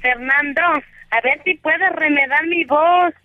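A woman voicing a cheeky, high-voiced female sidekick who mocks and teases in squealing interjections. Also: slow pace, narrow, tinny audio, a little hiss or hum. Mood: sassy teasing.

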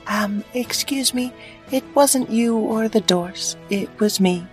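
A man voicing a confident young sister fish in a read-aloud story, with bright, offhand chatter. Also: sits high, slow pace, voice pushed up. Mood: breezy. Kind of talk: storybook character voice. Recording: voice a bit far from the mic, faint music.

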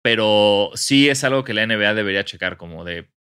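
Young mexican guy chatting on a podcast, bright sharp voice, animated and slangy. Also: on the low side, fairly quick, clean tone. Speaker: podcast co-host. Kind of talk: casual chat.

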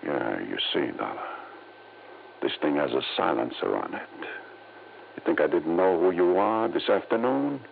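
A man's voice: a bass voice, lively intonation, moderate pace, creaky, heavily acted. An actor playing a shifty, defiant crook in a vintage radio drama, with a sneering tough-guy manner. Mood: menacing. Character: shifty, cornered male crook, defiant and menacing. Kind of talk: 1950s-60s radio drama acting. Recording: noisy vintage radio, narrow lo-fi band.

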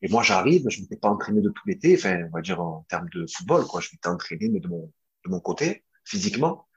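A young former footballer, appearing as an interview guest, tells a story in a loose, chatty, animated way. His low, slightly husky voice comes fast over a muffled recording. He hesitates a lot, with many fillers and restarts, yet keeps the story moving.

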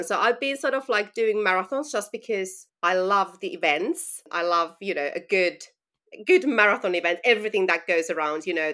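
A woman's voice: lowish voice, sharp tone. A woman in her thirties from Finland with a Finnish accent, chatting as a podcast guest with frequent "um" and "you know". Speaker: guest, running brand founder. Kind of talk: casual interview conversation.

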